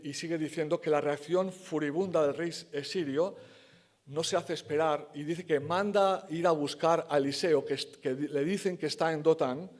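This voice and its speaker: A man's voice: on the high side, a little mellow. A man preaching a sermon in church, emphatic and conversational, correcting himself and acting out the quoted lines.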